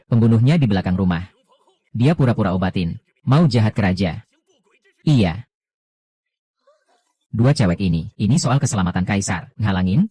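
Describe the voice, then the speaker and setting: A man narrating an anime recap in casual slang, reading every character's lines in one steady voice. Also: fairly low pitch, husky.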